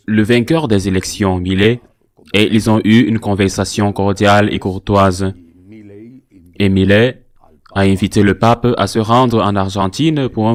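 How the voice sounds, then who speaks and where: A man, a priest, reading scripted commentary on current events in a measured way, repeating phrases for emphasis. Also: on the low side.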